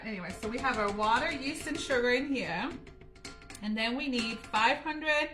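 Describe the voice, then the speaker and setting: Woman, from Germany, cooking livestream host, chatty, bright voice, home kitchen. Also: on the high side. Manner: chatty, laughs often, addresses viewers. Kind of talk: casual live cooking chat.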